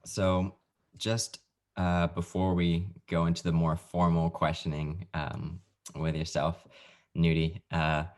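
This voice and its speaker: Very deep-voiced easygoing male host. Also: flat delivery, slow. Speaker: podcast host. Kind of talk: casual interview over a video call. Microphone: video call.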